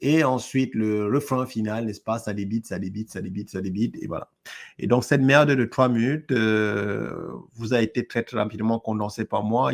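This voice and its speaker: A man giving a scornful, sarcastic spoken review of rap lyrics, with frequent hesitations and pointed asides. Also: fairly low pitch. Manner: scornful, sarcastic, leans on "n'est-ce pas" and hesitant fillers.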